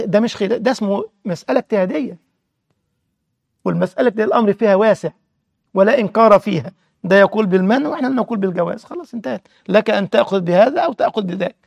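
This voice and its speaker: Fast, gravelly Egyptian religious teacher. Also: male voice, high voice, a little mellow, no room sound. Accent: Egyptian Arabic. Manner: quizzes listeners with rhetorical check questions. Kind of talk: religious lesson.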